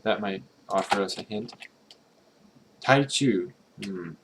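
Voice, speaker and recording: A male streamer with a lowish voice speaks slowly, with faint hiss and typing audible behind him. His first language is English, and as he translates a game he thinks aloud in a casual, musing, tentative way, self-correcting and muttering Japanese readings.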